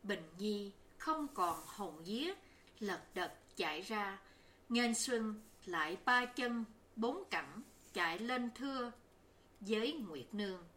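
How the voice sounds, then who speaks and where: A woman narrating a novel as an audiobook reader, in a measured, even storytelling manner. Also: mid-range voice, slight background noise.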